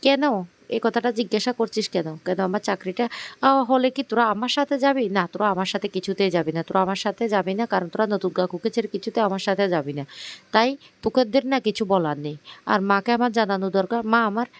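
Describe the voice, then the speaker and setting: A man's voice: sits high, quick pace, gravelly. A man voicing a resentful grown son who answers in a curt, stubborn way.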